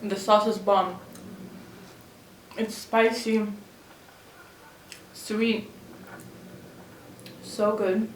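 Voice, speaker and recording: A woman's voice: medium pitch, little pitch movement, extremely slow, long pauses. Give me a woman chatting while eating crunchy fried chicken, roomy sound. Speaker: mukbang host. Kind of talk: casual eating-show chat. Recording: roomy echo, distant mic, faint noise.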